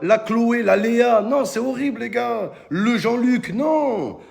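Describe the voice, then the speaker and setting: Gravelly high comic ranting. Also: male voice, expressive, takes it slowly. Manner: rowdy slangy banter, addresses viewers as "les gars". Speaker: comedian. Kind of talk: comic rant to camera.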